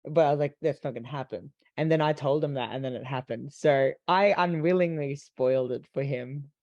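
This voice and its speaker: A man's voice: fairly high pitch, brisk, a little mellow, dry recording, lo-fi sound. A young man, defending himself in a casual podcast chat.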